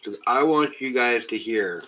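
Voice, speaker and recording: This male livestream host has a mid-range, animated voice at a measured pace, talking directly to chat in a casual stream. Profane and exasperated, he curses constantly, all captured by a cheap webcam's built-in mic with dull, lo-fi audio.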